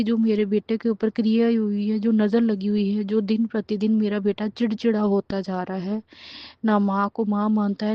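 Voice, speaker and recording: A woman's voice: medium pitch, no echo, dull audio. A middle-aged woman giving an emotional personal testimony as a devotee, pleading and aggrieved, often breaking off and restarting her words.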